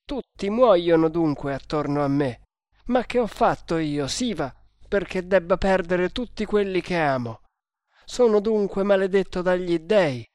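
Brief: male narrator as a proud grieving hunter, forceful, slightly high voice. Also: lively intonation, unhurried, no echo, studio quality. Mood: despairing. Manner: despairing, forceful.

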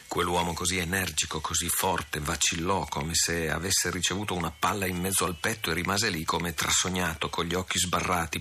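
A man narrating an adventure novel aloud with measured, dramatic storytelling. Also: low-pitched, pushed and bright, slightly rough. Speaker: audiobook reader.

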